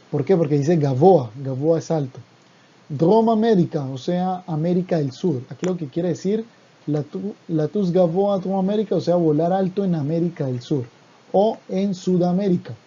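A man's voice: sits high, warm tone, breathy edge. A man teaching a language lesson, patiently explaining song lyrics word by word and repeating each term. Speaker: Hebrew teacher. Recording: dull lo-fi recording.

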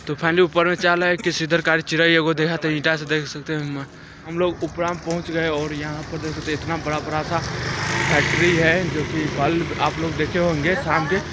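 A man's voice: fairly high pitch, little pitch movement, fairly quick, background noise. A young man, narrating a casual village vlog as he walks, talking to a phone camera held at arm's length outdoors. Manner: chatty, walking narration to a handheld camera. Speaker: vlogger. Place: outdoors in a foggy village field.

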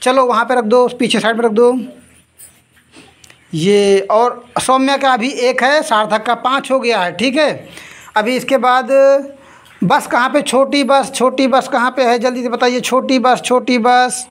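A woman running a toy-finding game for two children. She keeps up lively play-by-play commentary and rapidly repeats item names to hurry them along. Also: fairly high pitch. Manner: scolds and laughs between rounds.

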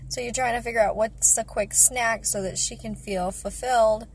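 Sitting inside her parked car, a vlogger in her thirties, mother to five, rambles casually about faith and family, full of fillers, into a phone camera at arm's length. Her fairly high, husky voice has fairly even intonation at normal speed, and the audio is poor.

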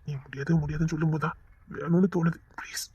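Here the same kind of role, a teasing, pleading office boss in a village web-series scene, comes from a man with a Tirunelveli Tamil accent whose voice is a little high, dark and husky. He delivers his lines flatly at a quick pace, in a lo-fi recording with no room sound.

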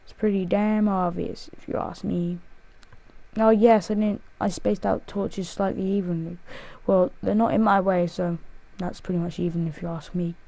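A man's voice: high voice, little pitch movement, moderate pace, creaky, dark tone. A male gaming host giving casual, rambling gameplay commentary, counting aloud and joking at himself as he plays. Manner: rambling, self-mocking, counts aloud while playing.

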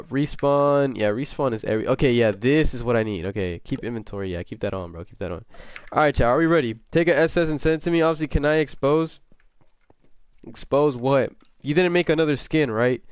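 A young man chatting casually with viewers during a gaming livestream, excitable, repeating himself and full of slang, his voice a bit sick. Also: medium pitch, clear, resonant tone, no echo, studio quality. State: slightly sick voice.

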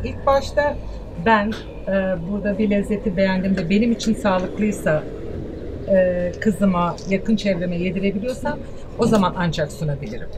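A woman in her forties who owns the cafe explains her dishes with easy confidence, her hands moving as she talks. She speaks at a middle pitch for a woman. Clear outdoor noise sits under her voice. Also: normal speed. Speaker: cafe owner. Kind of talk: interview answers.

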